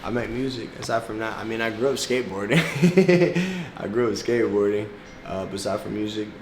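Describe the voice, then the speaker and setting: In an echoey room with background noise, a young man from South Florida, United States, whose first language is Portuguese, chats casually as a music artist being interviewed. His voice sits on the low side at a moderate pace, and he talks in a laid-back, slangy way, laughing often.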